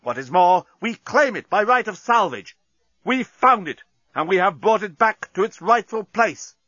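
A man's voice: high voice, lively intonation, normal speed, no room sound, pitched above the performer's own voice, full character voice. A man reading an audiobook, voicing an indignant male shipbuilder leader who declaims his claim over a ship's speaker system. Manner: impassioned, declaiming over a loudspeaker. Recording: slightly dull, dry studio sound.

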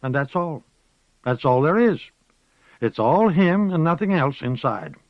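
Reading an audiobook, a man voices an old rustic village witch woman who rambles folksily, calls people "dearie" and slips into a rocking, chanting incantation, sounding folksy and knowing. He pitches this character above his own voice, on the high side, sing-song and a little slow. The recording is dull, dry, lo-fi and has no room sound.

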